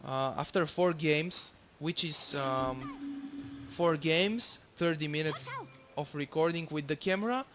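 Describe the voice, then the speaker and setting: A young Bulgarian man, a native Bulgarian speaker with a Bulgarian accent, casually commentates over his own gameplay match. His voice is on the high side and unhurried against a noisy background, and he rambles, swears freely, and corrects himself.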